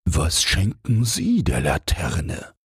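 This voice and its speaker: A man's voice: deep voice, huge pitch swings, slow, husky, dry recording, studio quality, heavily acted. A man voicing the bossy, lecturing wind. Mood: commanding. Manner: commanding, lecturing. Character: the wind, a bossy kindly old elemental.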